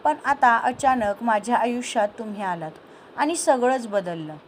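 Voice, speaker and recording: A shy, emotional young woman in love, quiet and hesitant, as a woman storyteller reads her. The voice is fairly high and soft, over a faint background hiss. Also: lively intonation, moderate pace, close to an everyday voice.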